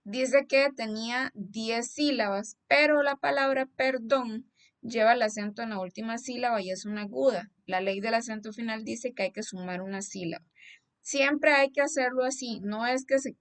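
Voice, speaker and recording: Patient Costa Rican teacher, higher voice. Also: female voice. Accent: Costa Rican Spanish. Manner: patient, explanatory, asks "¿verdad?" to check understanding. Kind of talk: classroom lesson explaining a slide.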